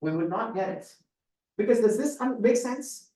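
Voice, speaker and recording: High-voiced male lecturer in an echoey room. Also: expressive, moderate pace, warm tone, far from the mic. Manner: explains word by word, checks in with "right?". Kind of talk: religious lecture with audience questions.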